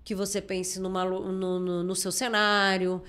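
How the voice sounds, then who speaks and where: A woman's voice: mid-range voice, level tone, a little slow, a bit bright. A woman journalist with a Brazilian Portuguese accent, explaining her views in a casual interview and often checking in with the listener. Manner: explanatory, lots of filler tags and restarts. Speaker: journalist guest.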